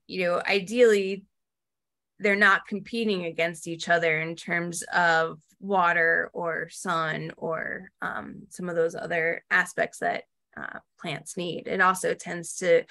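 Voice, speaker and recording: A woman's voice: lowish voice, level tone, slow pace, vocal fry, bright, forceful tone. A woman in her forties answering questions on a video call from her dining room, speaking hesitantly with many fillers. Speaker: guest speaker. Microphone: laptop webcam, video call.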